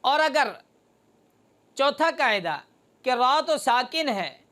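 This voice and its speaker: A recitation teacher explains the rules in a methodical lesson, numbering each rule and drawing out the example words slowly. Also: sits high, big pitch swings, fairly bright tone.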